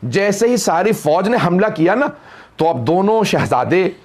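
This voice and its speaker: A man's voice: high voice, animated, measured pace, darkish tone. A middle-aged man, a Shia cleric, recites a mourning sermon and rises to wailing peaks in the quoted lines.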